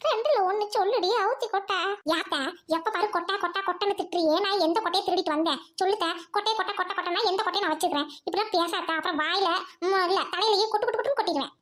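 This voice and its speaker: A woman's voice: racing, few pauses, fairly bright tone, soft background music. A woman voicing a foul-mouthed, scolding old mother-in-law in a family drama. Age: older. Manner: shrill, scolding, cackling insults. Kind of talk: family radio-play acting.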